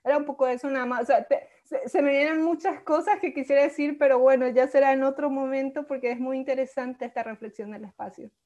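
Young woman from Latin America, higher voice, earnest rhetorical questioner on a video call. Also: steady tone, fast, darkish tone, highs cut off. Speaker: workshop participant. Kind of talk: spontaneous reflective remarks. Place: small room at home. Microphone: earphone mic on a video call.

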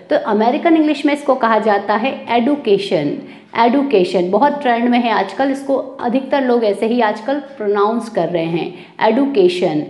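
A woman's voice: on the high side, darkish tone. A woman from India with an Indian accent, giving a spoken English pronunciation lesson and carefully spelling out words letter by letter. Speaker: English teacher. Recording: echoey room.

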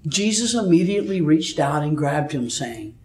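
A pastor delivers his sermon and reads scripture in a measured storytelling manner. His voice sits a little high. The sound echoes around the room, picked up from a distance. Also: very animated, darkish tone. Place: church.

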